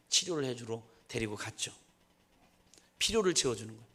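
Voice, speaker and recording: A man's voice: mid-range voice, a bit bright. A male pastor giving an earnest church sermon, often asking a rhetorical "응?" and acting out dialogue in voices. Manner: earnest preaching with frequent rhetorical "응?"; acts out dialogue in quoted voices. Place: church service.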